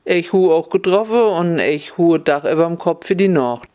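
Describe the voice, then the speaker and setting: A man voicing a good-natured young hero who speaks calmly and kindly in dialect. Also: fairly high pitch, moderate pace, lightly acted.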